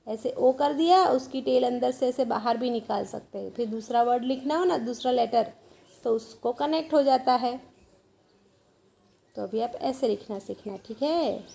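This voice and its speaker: A woman teacher leads a children's cursive writing lesson, drawing out letter names and example words slowly. Her voice sits high but has a dark, gravelly edge. She speaks patiently, switching between Hindi and English.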